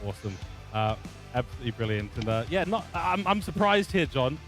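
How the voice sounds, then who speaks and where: A man's voice: medium pitch, very animated, a little fast, a bit bright, faint music behind. Chatty New commentator man. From New Zealand. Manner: chatty, jokey, many fillers. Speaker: race commentator. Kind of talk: sim racing broadcast sign-off.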